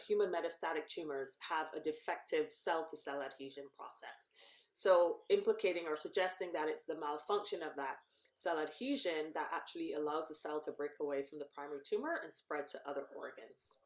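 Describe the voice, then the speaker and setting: Appearing on a podcast, this low-voiced Barbadian professor and cancer researcher in her fifties gives lengthy explanations, self-correcting with ums, in a recording with a roomy echo.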